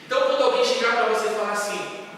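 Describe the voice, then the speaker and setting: A man's voice: high-pitched, rapid-fire, fairly bright tone, slight background noise. A Brazilian man from São Paulo preaching a sermon as pastor, with emphatic delivery and many rhetorical questions to the congregation. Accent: Brazilian Portuguese, São Paulo. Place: church sanctuary. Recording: echoey hall, distant mic.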